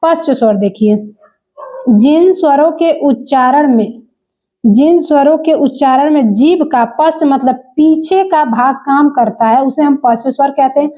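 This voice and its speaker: A woman teaches an exam-prep lesson in a high voice, taking her time. She repeats each point and keeps addressing the viewers as friends. The recording sounds dull and lo-fi. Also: measured pace.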